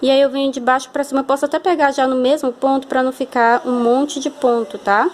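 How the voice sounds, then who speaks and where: A woman's voice: high voice, steady tone, quick pace, a little hiss or hum. A Brazilian woman teaching a hand-sewing craft lesson, patient and step-by-step, often checking in with the viewer. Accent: Brazilian Portuguese. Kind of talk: hands-on sewing tutorial.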